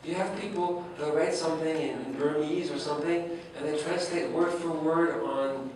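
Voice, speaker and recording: A man's voice: a little high, fairly even intonation, normal speed, background noise. A man whose first language is French gives a humorous academic lecture and keeps asking his audience rhetorical questions. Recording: echoey hall, distant mic, faint ambience.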